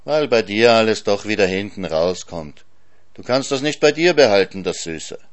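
A man's voice: lowish voice, lively intonation, normal speed, close to an everyday voice. Man doing a sly trickster hare.

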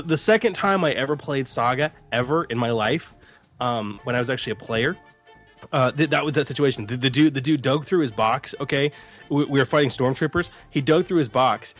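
A man co-hosting a casual tabletop gaming chat, telling stories in an animated way with lots of fillers and chuckles. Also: medium pitch. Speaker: podcast co-host.

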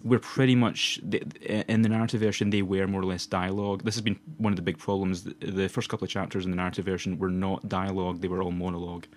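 A man's voice: deep voice, flat delivery, quick pace, few pauses. A Glaswegian man in his twenties, co-hosting a casual podcast chat, rambling and laughing often. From Scotland. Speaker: podcast co-host.

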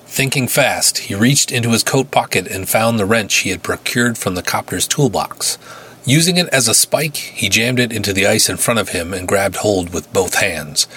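A man reading his own adventure story aloud in a steady, dramatic narration. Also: on the low side, moderate pace, slight background noise.

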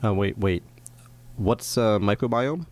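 A man's voice: on the low side, a little slow. A man co-hosting a science radio show, chatting in casual, lightly scripted banter from a studio.

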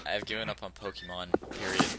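Young male podcast host, curt and teasing, low and piercingly bright. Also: little pitch movement, quick pace. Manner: teasing, blunt, curt replies. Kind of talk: casual chat.

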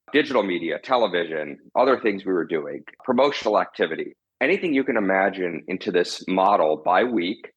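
A man with a husky voice explaining his work as an interview guest, a marketing executive. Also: low voice, muffled recording.

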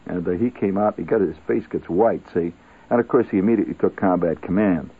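This radio monologuist has a low, slightly rough voice and talks fairly quickly. He spins a meandering, funny army tale peppered with wry asides, heard through a tinny lo-fi 1970s broadcast.

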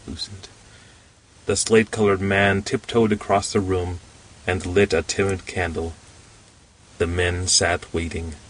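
A man narrating a story aloud in a calm, measured way. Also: low-pitched, distant mic, rough recording. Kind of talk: storybook reading.

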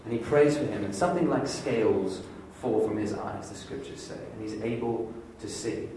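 A man preaching a sermon, telling a Bible story in a lively storytelling way and voicing the inner thoughts of its people. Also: on the low side, normal speed, very echoey, far from the mic, slight background noise, rough recording.

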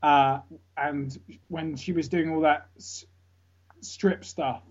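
A man's voice: a little high, steady tone, slow pace. A man, a guest voice actor chatting casually in an interview, jokey and rambling, laughing often. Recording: lo-fi internet call audio.

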